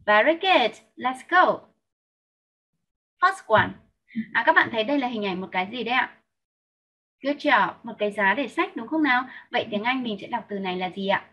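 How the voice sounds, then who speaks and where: A Vietnamese-accented woman teaching English, her voice fairly high and a little husky, patiently repeating each sound for young learners. The recording sounds dull and lo-fi. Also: lively intonation, sharp tone. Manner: patient, slow and clear, repeating sounds for children. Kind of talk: online vocabulary lesson.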